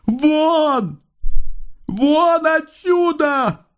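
A man voicing a stone-faced male taxi driver who barks orders in a high, strained shout. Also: expressive, takes it slowly, vocal fry, full character voice. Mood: furious shouting. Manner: barking commands.

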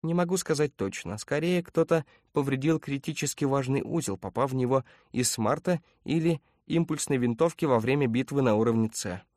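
A man voicing a calm, precise male android officer who speaks in a measured, clinical way. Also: medium pitch, no echo, studio quality, lightly acted.

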